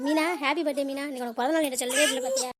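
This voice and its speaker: A woman's voice: sits high, lively intonation, racing, background noise. A woman voicing an older mother-in-law in a cartoon, blunt in her words but kindly. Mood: warm.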